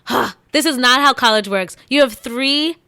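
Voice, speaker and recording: A woman chatting casually on a podcast, animated and emphatic, quick to joke. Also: high voice, smooth, dry recording, clean studio sound. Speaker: podcast guest. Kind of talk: casual chat about TV shows.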